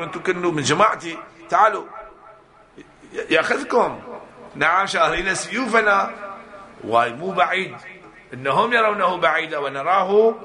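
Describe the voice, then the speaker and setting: A man's voice: high voice, sharp tone. A man giving a religious lecture, emphatic, often asking and then answering his own rhetorical questions. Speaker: preacher.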